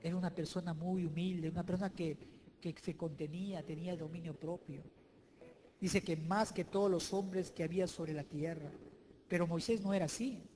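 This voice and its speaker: A male pastor preaching a sermon in a church, emphatic and swinging between loud declarations and hushed asides. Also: high-pitched.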